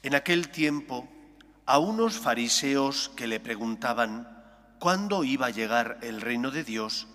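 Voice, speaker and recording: Slow bright-voiced priest with cathedral echo. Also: male voice, mid-range voice, lively intonation. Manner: slow, measured liturgical recitation. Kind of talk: celebrating Mass. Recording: long echoing church reverb.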